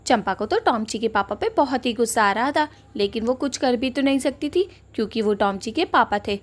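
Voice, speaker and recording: A woman narrates a cartoon story in an even, steady storybook manner. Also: on the high side, brisk.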